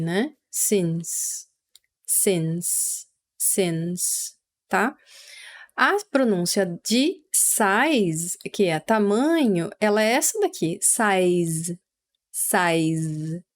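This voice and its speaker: A Brazilian woman teaching English vocabulary, patiently explaining and repeating words slowly for pronunciation. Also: mid-range voice. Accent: Brazilian Portuguese.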